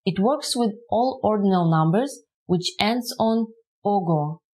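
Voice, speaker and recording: A woman whose first language is Russian gives a language lesson at an unhurried pace. She breaks words down syllable by syllable in a careful, teacherly way. Her voice sits at an ordinary middle pitch. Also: expressive, dark tone, poor audio.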